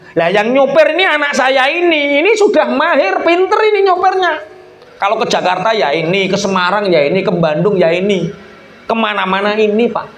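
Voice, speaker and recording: A man's voice: sits high, fairly bright tone, roomy sound, slight background noise. A male preacher voicing a friendly, talkative townsman who apologizes and reassures, with a Javanese accent.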